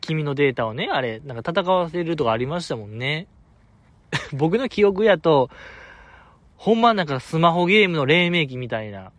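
A man's voice: a little high, lively intonation, moderate pace, dry recording. A man with a Kansai accent hosting a casual solo talk show, reading listener messages in a chatty, self-deprecating way. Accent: Kansai Japanese. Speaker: radio show host reading listener mail.

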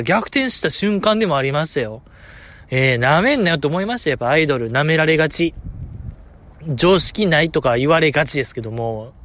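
A young man with a Kansai accent talks alone as a chat host, rambling with a fan's eagerness. His voice sits fairly high and swings widely up and down. The talk is loose and unscripted. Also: fairly bright tone. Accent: Kansai Japanese. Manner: rambling, enthusiastic fan commentary. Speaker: podcast host. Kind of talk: casual solo chat.

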